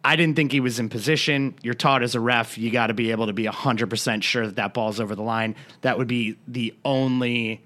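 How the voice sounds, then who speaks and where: A man's voice: medium pitch, steady tone, fairly quick, hardly any pauses, a bit bright. Man casually breaking down a soccer match. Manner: loose, rambling with restarts. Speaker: podcast co-host. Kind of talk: casual sports chat.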